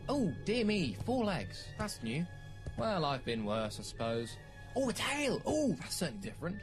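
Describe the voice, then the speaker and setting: A man playing an eccentric, excitable alien doctor in pony form in a fan audio drama, theatrical and whimsical, full of exclamations. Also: high-pitched, normal speed, over music. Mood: delighted, curious. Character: eccentric, excitable male time-travelling alien doctor turned cartoon pony.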